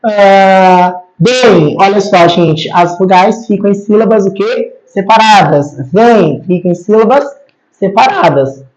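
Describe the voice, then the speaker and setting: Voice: medium pitch, slow pace, darkish tone. Patient teacher. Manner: patient, repeats rules, checks in with "tá?" often. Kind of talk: grammar lesson at a board. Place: teaching at a board. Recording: slightly dull lo-fi recording.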